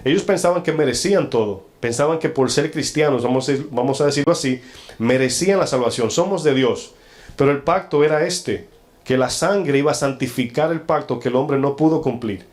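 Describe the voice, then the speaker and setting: A male pastor giving a stern, confrontational sermon. He asks the congregation rhetorical questions and slows down when he reads scripture aloud. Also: mid-range voice, darkish tone.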